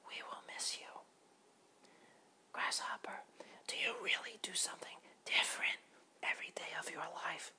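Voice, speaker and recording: A man voicing a group of gentle, habit-bound butterflies in a breathy whisper. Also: a little high, pitched above the performer's own voice. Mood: hushed. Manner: breathy unvoiced whisper, soft and slow.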